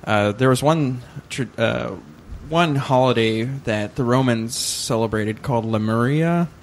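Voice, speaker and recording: A man's voice: mid-range voice, unhurried. Hesitant man recounting research on a podcast. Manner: hesitant, self-correcting, many fillers. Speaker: podcast co-host.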